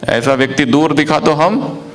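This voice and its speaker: A man teaching meditation in a spiritual talk, speaking slowly and repeating his phrases, often putting questions to his listeners. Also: a little high, soft background music. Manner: slow, repetitive, chanting phrases.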